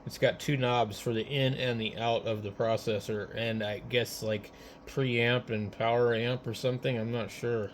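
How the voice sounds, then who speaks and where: This radio amateur's delivery is medium in pitch and moderate in speed, easygoing yet a touch hesitant. Steady noise from the setup lingers throughout, and the audio comes through handheld mics he trades between.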